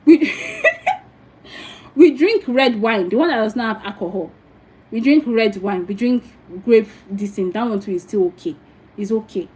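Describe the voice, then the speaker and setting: A woman's voice: fairly high pitch, a little slow, warm tone, poor audio. A Nigerian woman giving frank, preachy spiritual advice in a casual livestream, with many asides to her viewers. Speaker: spiritual teacher.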